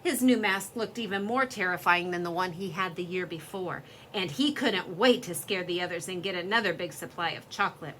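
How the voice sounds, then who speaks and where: A woman reading a children's story aloud in an expressive, lively storytelling way. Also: lowish voice, fairly quick, hardly any pauses, slight background noise.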